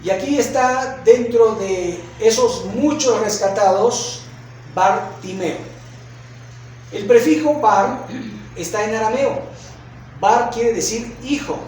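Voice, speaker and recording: A male pastor with a Mexican Spanish accent preaching a sermon, asking rhetorical questions and acting out shouts. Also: sits high, slow, a little hiss or hum. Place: church sanctuary. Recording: echoey church hall from far off.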